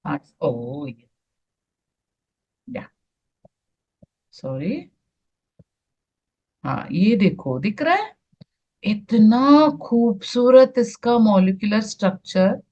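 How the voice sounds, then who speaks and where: A woman presenting an online health session, explaining slides in an unhurried way, repeating words and restarting often. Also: medium pitch, very animated, warm tone, muffled recording. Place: online video call.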